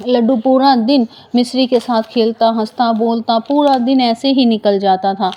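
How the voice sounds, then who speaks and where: Woman telling a devotional story, lo-fi. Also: on the high side. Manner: unscripted, with restarts and acted quotes. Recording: dull lo-fi recording.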